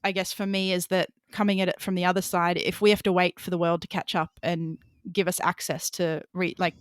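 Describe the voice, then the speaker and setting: A woman's voice: on the low side, level tone, fairly quick, dry recording, studio quality. A woman hosting a podcast, talking passionately and openly and laughing often as she speaks. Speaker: podcast host. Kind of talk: podcast conversation.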